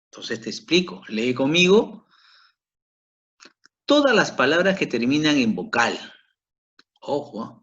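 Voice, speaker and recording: Slow-paced male grammar teacher. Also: mid-range voice, very animated, a bit bright. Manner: slow, repetitive, checks in with "¿ok?". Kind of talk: grammar lesson. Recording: dull lo-fi recording.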